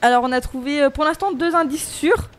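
A woman's voice: sits high, fairly quick, a little hiss or hum. A woman taking part as a player in a live mystery game, talking in a bubbly, eager way. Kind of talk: casual play.

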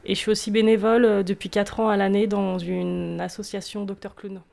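Gravelly, dark-voiced woman volunteer. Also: mid-range voice, level tone, brisk. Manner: hesitant, with many fillers. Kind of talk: self-introduction.

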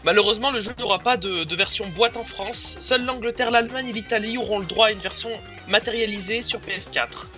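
A man's voice: high-pitched, brisk, hardly any pauses, sharp tone, faint music behind. A young man co-hosting a casual gaming podcast, enthusiastic and joking, rambling through the news with fillers. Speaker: podcast co-host presenting game news.

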